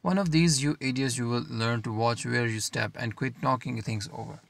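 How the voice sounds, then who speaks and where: Give me a man voicing an angry zookeeper boss, gravelly and harsh, barking at his workers in an audiobook. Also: mid-range voice, normal speed, close to an everyday voice.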